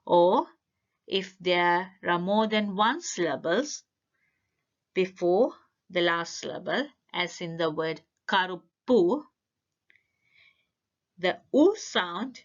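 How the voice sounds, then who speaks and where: A woman giving a language lesson, explaining grammar step by step with careful, deliberate phrasing. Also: lowish voice, dull audio. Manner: careful, deliberate word-by-word delivery. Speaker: language teacher. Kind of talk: slow instructional explanation.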